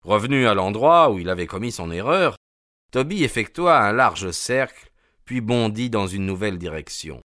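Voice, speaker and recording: A man narrating a classic mystery audiobook on a close studio mic. His pitch moves lively through each sentence in a measured, expressive telling, and the sound is dry with no room. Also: dry recording. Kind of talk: scripted literary narration.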